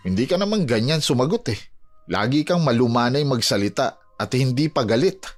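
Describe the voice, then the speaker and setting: A man's voice: medium pitch, expressive, a little fast, lightly acted. An actor playing a blunt, concerned coworker who pleads with his friend. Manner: earnest, pleading, plain-spoken. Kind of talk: audio drama acting. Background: music.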